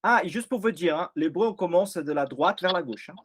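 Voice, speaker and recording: A man's voice: high-pitched, lively intonation, brisk, slight background noise. A man with a non-native accent leading an informal Bible study, explaining step by step and often checking that his listeners follow.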